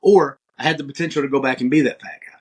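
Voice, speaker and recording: A man talks quickly as a podcast guest, recounting his experiences in an easygoing, conversational way. He is a lively storyteller who slips into the voices of the people he quotes, and his pitch sits at an ordinary middle level. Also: slightly rough. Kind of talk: casual interview storytelling.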